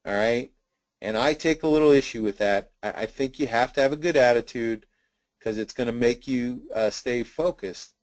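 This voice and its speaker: A man's voice: medium pitch, normal speed, a little mellow, no echo, rough recording. A man presenting a sales training webinar in an earnest coaching tone, with a slight cough. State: intermittent cough.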